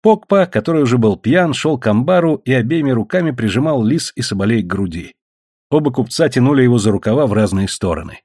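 A man narrating an audiobook in an expressive storytelling manner. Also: medium pitch, quick pace, husky, dry recording, studio quality. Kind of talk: scripted narration.

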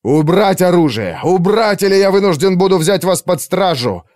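A man voicing a harried male commander shouting orders over a storm. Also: high-pitched, expressive, normal speed, no room sound, studio quality, voice pushed up. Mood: urgent.

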